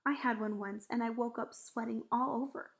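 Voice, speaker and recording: A woman's voice: fairly high pitch, steady tone, moderate pace, gravelly. A woman voicing a curious, earnest young girl in a storybook, with an inquisitive way of talking. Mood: concerned.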